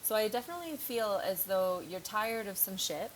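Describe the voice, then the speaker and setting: A woman's voice: medium pitch, animated, normal speed, a little hiss or hum, poor audio. A woman reading tarot cards in a casual, frank way, thinking aloud, with a slightly sore throat. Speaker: tarot reader.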